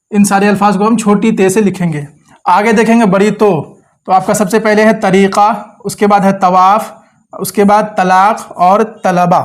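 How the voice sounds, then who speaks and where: A man teaching an Urdu lesson step by step, patiently repeating words and asking the viewer questions. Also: high voice.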